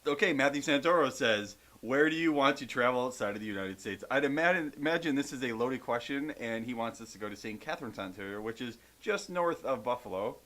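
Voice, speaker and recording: A man's voice: medium pitch, animated, a little fast, hardly any pauses, fairly bright tone. Casual man reading viewer questions. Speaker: podcast co-host. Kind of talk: casual Q&A chat.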